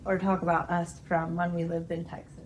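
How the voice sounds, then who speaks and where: A woman's voice: fairly low pitch, flat delivery, a little fast, a little hiss or hum, rough recording. A young woman in her twenties co-hosting a podcast, chatting casually, laughing often and patiently explaining things. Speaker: podcast co-host. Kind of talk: casual chat.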